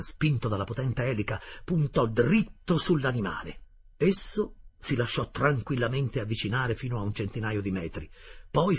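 Husky man narrating expressively. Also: medium pitch. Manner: expressive first-person storytelling. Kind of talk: audiobook narration of a classic novel.

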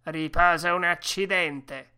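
A woman voicing a harsh, impatient young man in a storybook reading, loud and barking. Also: fairly low pitch, steady tone, unhurried, clear, resonant tone. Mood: scornful.

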